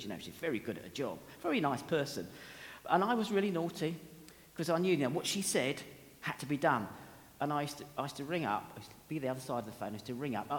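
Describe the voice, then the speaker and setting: A woman's voice: low voice, in a large hall. An older British woman preaching a sermon in a chatty, humorous way, full of anecdotes and asides.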